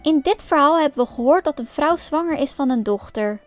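High-voiced woman reading a fairy tale. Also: fairly quick, soft background music. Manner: calm, clear storybook reading. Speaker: storyteller.

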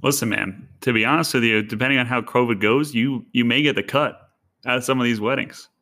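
A man in his twenties co-hosting a podcast, chatting in an animated, slangy way. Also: mid-range voice, brisk. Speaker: podcast co-host. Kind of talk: casual chat.

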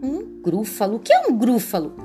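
A woman's voice: on the high side, wildly swooping pitch, moderate pace, music in the background. A woman doing a jittery frightened snake. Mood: nervous. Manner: jittery and fearful. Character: nervous timid snake.

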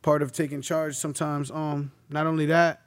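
A rapper in his twenties is being interviewed, and his somewhat high male voice stays level at a normal speed. He talks in relaxed street slang, dropping in casual asides, and the recording is smooth with no echo.

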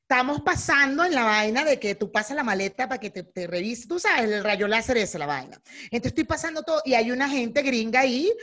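Venezuelan woman co-host, young, animated storyteller, slightly high voice. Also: a little fast. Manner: animated storyteller who acts out the people in her anecdotes. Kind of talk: casual chat.

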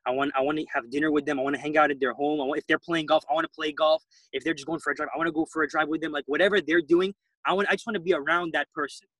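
A man's voice: a little high, steady tone, rapid-fire, a bit bright, no echo, low-quality recording. A man who is a guest entrepreneur, giving emphatic interview answers and repeating words as he builds his points.

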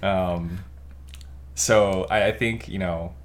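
A young man from Taiwan, a guest on a podcast, talking in an earnest, reflective way with many pauses and restarts. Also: deep voice, fairly even intonation. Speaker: podcast guest, physical therapist. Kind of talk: casual podcast chat.

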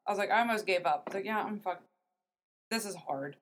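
A woman's voice: medium pitch, fast talker, fairly bright tone, a little hiss or hum. A young adult woman co-hosting a podcast, casually telling a story she looked up, swearing and laughing as she goes. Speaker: podcast co-host telling a true crime story.

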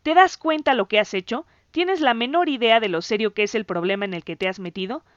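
A woman voicing an excitable boy who stammers and shouts insults at his friend. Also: on the high side, fairly quick, dry recording, dull audio, close to an everyday voice. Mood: furious.

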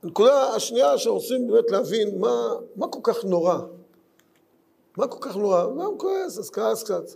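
Guy teaching talmud, fairly high voice with lots of gravel, earnest, asks questions back and repeats himself. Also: mellow. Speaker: Torah teacher. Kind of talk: Talmud lesson.

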